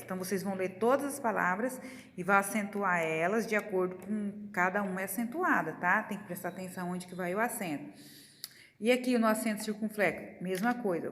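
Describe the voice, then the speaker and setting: A woman's voice: mid-range voice, a bit bright, big-room sound, slight background noise. A woman teacher explaining a school worksheet step by step, patiently asking and answering her own questions. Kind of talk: recorded class explanation.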